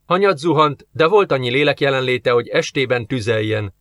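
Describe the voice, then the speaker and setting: A man's voice: mid-range voice, expressive, a bit bright, no echo. Dry, close-miked male audiobook narrator. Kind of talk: scripted narration.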